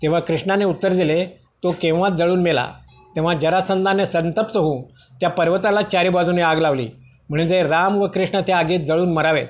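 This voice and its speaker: A man reading a prose rendering of a sacred story in steady, measured narration. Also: high voice, faint music behind. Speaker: reader of scripture.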